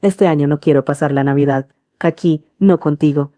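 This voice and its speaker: A woman's voice: low voice, moderate pace, warm tone, no echo, lightly acted. A woman voicing a cold, scornful adult daughter in a story, cutting and contemptuous.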